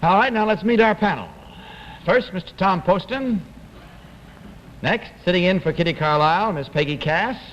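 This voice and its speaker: A man's voice: sits high, moderate pace, long pauses, a bit bright. A man hosting a 1960s television panel show, announcing and reading aloud in a formal, courteous manner. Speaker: game show host. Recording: dull vintage TV audio, faint noise.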